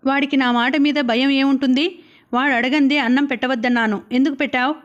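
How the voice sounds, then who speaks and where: A stern young woman lays down the rules in a firm, insistent voice. Her tone is high and clear, read out by a woman narrating an audiobook. It is a storybook reading. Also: fairly even intonation, fairly quick, dull audio, lightly acted. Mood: scolding. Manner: scolding, insistent. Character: stern strict young woman, eldest sister.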